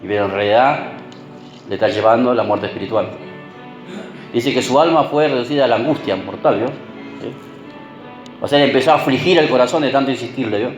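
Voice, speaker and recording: A man's voice: mid-range voice, brisk, long pauses, echoey room, highs cut off, soft background music. A man preaching a sermon. He keeps checking in with the congregation through short tag questions and repeats words for emphasis.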